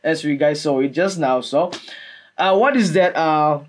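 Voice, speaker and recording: A man gives casual reaction commentary in a halting, repetitive way, often saying "like" and "man". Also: fairly high pitch. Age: 20s. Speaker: music video reactor. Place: small room indoors. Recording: music playing behind the voice. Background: music from the video being watched.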